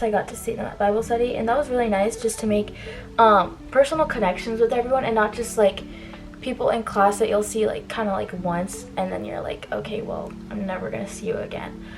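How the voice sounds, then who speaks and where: A young adult woman chatting informally through a get-ready-with-me makeup vlog, giving advice with frequent filler "like" and trailing asides. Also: on the high side. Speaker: beauty vlogger giving college advice. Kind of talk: casual get-ready-with-me chit chat while doing makeup.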